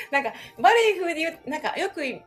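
Kansai woman co-host, high and bouncy, chatty. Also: lively intonation, a little fast, soft background music. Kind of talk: casual chat.

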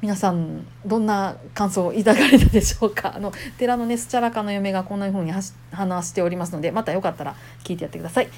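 A woman's voice: mid-range voice, fast, few pauses, darkish tone, a little hiss or hum. A woman with a Kansai accent, a temple wife who talks casually and chattily to her listeners and laughs often. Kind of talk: casual monologue.

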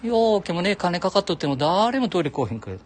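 Gruff older man, heavy ramble. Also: high-pitched, big pitch swings, quick pace, slight background noise. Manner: gruff, jokey, talks to listeners as "お前". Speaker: solo audio show host. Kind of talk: rambling casual monologue. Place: outdoors beside a public toilet.

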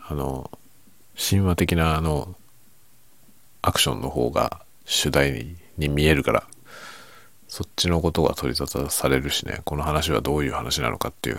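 A man chatting casually and quietly by himself late at night, musing and giving his opinions in a low-key way with softened sentence endings. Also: normal speed. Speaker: writer chatting as host.

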